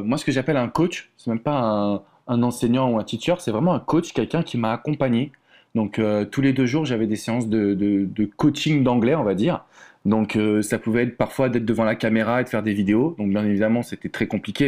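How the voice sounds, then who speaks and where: A French man, a relationship coach, talking as a guest in a relaxed, candid way with many fillers. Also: mid-range voice, a little fast. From France. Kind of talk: conversational interview.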